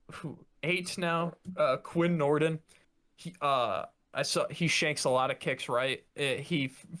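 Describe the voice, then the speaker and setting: A man's voice: mid-range voice, fairly bright tone. A young man co-hosting a podcast, chatting casually about football with many fillers and restarts. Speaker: podcast co-host. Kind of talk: casual sports chat.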